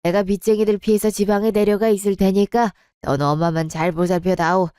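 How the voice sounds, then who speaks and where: A woman voicing a resigned middle-aged father who speaks low and heavy in old-fashioned phrasing. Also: steady tone, a little fast, dark tone, clean tone, dry recording, studio quality, lightly acted. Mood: somber.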